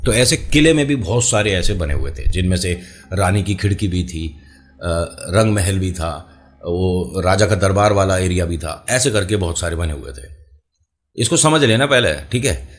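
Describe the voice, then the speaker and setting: Chatty low-voiced male storyteller. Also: expressive, normal speed. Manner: chatty, talks straight to the listener with playful asides. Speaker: storyteller and channel host. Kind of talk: casual horror storytelling podcast.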